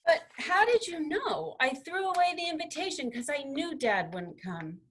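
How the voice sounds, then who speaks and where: Storybook kid girl, high and breathless, read by a woman. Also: sing-song, moderate pace, fairly bright tone. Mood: incredulous. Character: young girl, anxious then amazed.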